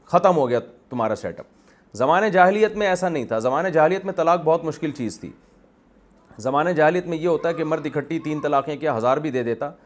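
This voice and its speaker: A man giving a religious lecture as an Islamic scholar, emphatic and argumentative, repeating phrases for stress. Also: a little high.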